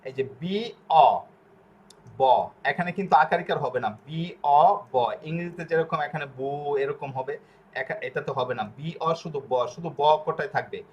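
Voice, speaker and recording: ধীরে ধীরে বোঝানো শিক্ষক, একটু চাপা আওয়াজ. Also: male voice, on the high side, breathy edge, dull audio. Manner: patient, repeats syllables slowly, asks checking questions. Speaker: language teacher. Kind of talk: explaining pronunciation step by step.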